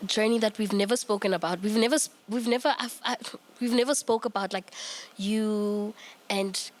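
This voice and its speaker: A woman's voice: mid-range voice, fairly even intonation, normal speed. A woman in her twenties hosting a casual chat show, chatty and giggly with many restarts. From South Africa. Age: 20s. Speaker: podcast host.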